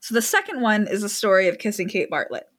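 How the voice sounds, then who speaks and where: A young woman recaps a book for a friend in casual chat, her medium-pitched voice very animated, fast, and fairly bright. She rambles, filling her retelling with fillers and restarts.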